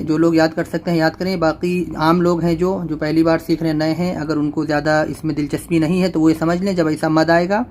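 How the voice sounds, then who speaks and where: A man teaching Quran reading, spelling out each letter and vowel slowly and drawn out, then explaining the rules in quick everyday speech. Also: on the high side, darkish tone, slight background noise. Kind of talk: spelled-out recitation lesson.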